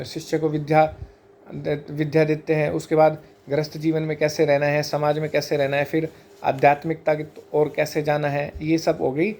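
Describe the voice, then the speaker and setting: A man giving an explanatory scripture lesson, measured, slowing down to spell out sacred terms one by one. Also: a little high, darkish tone, a little hiss or hum. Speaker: teacher of Vedic scripture.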